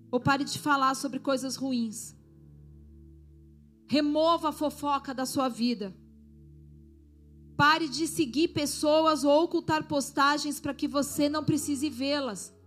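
A woman's voice: sits high, steady tone, takes it slowly, fairly bright tone, soft background music. A woman pastor preaching a sermon to a congregation, exhorting them and asking for their response.

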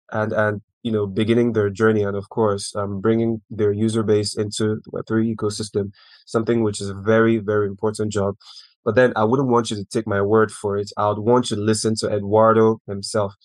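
A man's voice: lowish voice, level tone, normal speed, no echo. A man hosting a podcast, reading a scripted intro, then introducing his guest with some rambling fillers. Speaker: podcast host.

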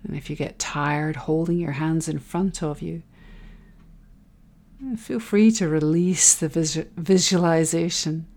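Female meditation guide, soft and soothing, deep-toned and very slow, for a relaxation breathing exercise. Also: steady tone. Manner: soft, soothing, unhurried delivery with breathy phrase endings.

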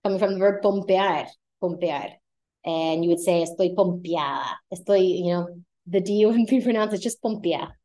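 A woman's voice: on the low side, normal speed, mellow. A woman with a Puerto Rican Spanish accent teaching Spanish in a casual podcast lesson, explaining phrases and stretching words out for emphasis.

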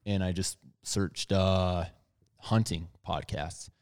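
A man's voice: low voice, fairly even intonation, slow, darkish tone, smooth. A man in his thirties hosting a podcast, chatting casually in a laid-back, rambling way. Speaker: podcast host. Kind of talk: casual chat.

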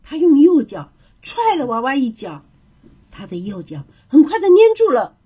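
A woman narrating a children's story aloud in a gentle, expressive manner. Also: high voice, moderate pace.

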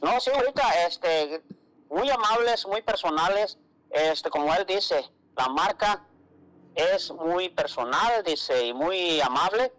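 A man's voice: high-pitched, expressive, takes it slowly, a bit bright, poor audio. A man co-hosting a radio show, telling a story in a casual chatty way and quoting others. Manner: storytelling, quotes others, calls co-host "güerita". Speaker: radio co-host.

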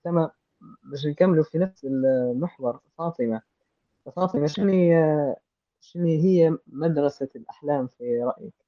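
A man with a Libyan Arabic accent, hosting a casual interview and gently drawing answers out of young guests. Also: fairly high pitch, normal speed, dry recording, lo-fi sound.

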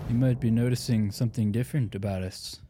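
A man's voice: mid-range voice, fairly even intonation, fast talker, heavy background noise. A man in his twenties co-hosting a podcast from a home basement, chatting casually and laughing often. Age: 20s. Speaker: podcast co-host. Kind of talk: casual chat.

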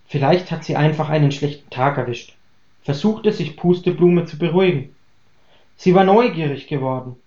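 A man reading a German story aloud in a calm, even audiobook voice. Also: a little high, normal speed. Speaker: story reader. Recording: roomy, dull lo-fi recording.

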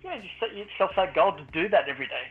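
Blokey Australian man, higher-pitched, dull call audio. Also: expressive, fast talker. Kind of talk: casual chat.

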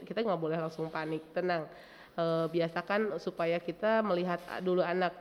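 Woman expert giving parenting tips, muffled recording with lots of reverb. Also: lowish voice. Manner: explanatory, acts out parents and children in quotes. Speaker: child development professional. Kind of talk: advice talk. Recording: dull sound with long reverb.

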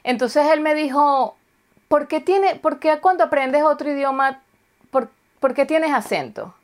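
A woman's voice: sits high, measured pace. A Venezuelan woman in casual chat, telling a story and acting out the dialogue. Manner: chatty storyteller, acts out dialogue.

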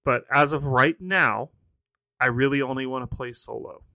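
A man's voice: medium pitch, normal speed, vocal fry, sharp tone, dry recording. A man co-hosting a board game podcast, giving enthusiastic, opinionated takes in casual chat.

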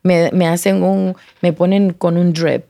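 A woman shares her testimony in a lowish voice. She talks in an emotional, halting way, restarting words and dropping into English now and then. The sound is dry and close, with no room around it. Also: level tone, vocal fry, dark tone, no room sound. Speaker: guest sharing testimony. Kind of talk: personal testimony in conversation.

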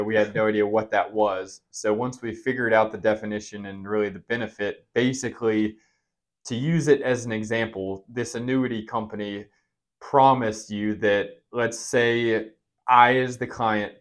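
A man hosting a finance podcast, explaining things in a conversational way as a financial advisor. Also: fairly low pitch.

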